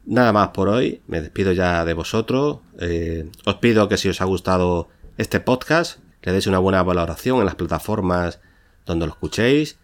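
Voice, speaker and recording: A man's voice: sits low, expressive, normal speed. A man, a proofreader giving a podcast lesson, speaking patiently and often repeating words as he restarts his sentences. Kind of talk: unscripted podcast explanation.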